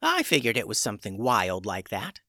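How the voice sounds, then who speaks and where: A brisk, unflappable old witch woman with a lively voice that climbs high, as a man puts her on for a storybook. She talks in a plain matter-of-fact way, recorded dry and close. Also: no echo, full character voice.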